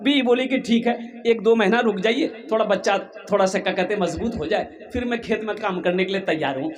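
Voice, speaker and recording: High-voiced man telling a sermon story. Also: a little fast. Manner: animated storytelling, acts out voices of characters. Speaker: preacher.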